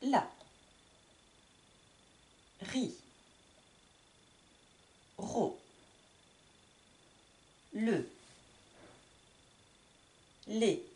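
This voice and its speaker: Very slow, patient woman teaching French. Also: a little high, dark tone. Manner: slow, clearly spoken syllables with long pauses. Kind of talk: slow reading lesson for learners.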